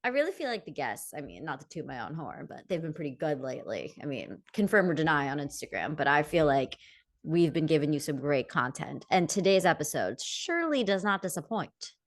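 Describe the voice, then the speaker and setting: Relaxed young woman, lowish voice. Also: brisk. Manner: relaxed, reflective, says "like" a lot. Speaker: podcast co-host. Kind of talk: casual chat.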